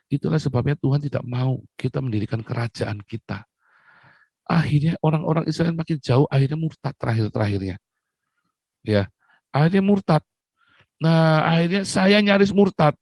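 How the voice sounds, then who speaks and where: Man, preacher, sermon with personal testimony, exclamatory delivery, mid-pitched voice, dry close sound. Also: warm tone, no echo. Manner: exclamatory, addresses listeners as brothers.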